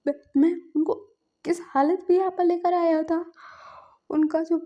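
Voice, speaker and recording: A woman's voice: sits high, normal speed, mellow. A woman voicing a distraught young man who pleads tearfully and repeats himself at a sickbed. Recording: dull lo-fi recording.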